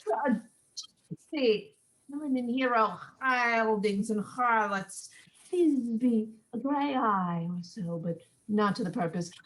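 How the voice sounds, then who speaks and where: Here a woman with a slightly high voice reads Shakespeare slowly, playing a sharp-tongued young nobleman who mocks and teases with theatrical flair. The recording quality is rough.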